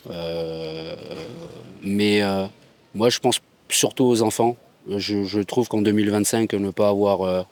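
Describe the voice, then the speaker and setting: A man giving an unscripted interview answer, searching for his words as he goes. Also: sits low.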